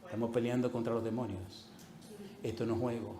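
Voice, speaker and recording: A male pastor preaching a sermon, telling an animated story and acting out the voices in it. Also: medium pitch, brisk. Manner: animated, acts out voices in anecdotes. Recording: echoey room.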